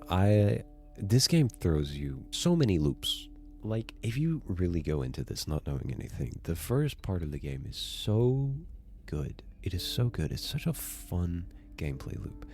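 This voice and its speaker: A man narrating a casual video essay, excitable and swearing freely as he gushes. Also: sits low. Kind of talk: casual enthusiastic commentary.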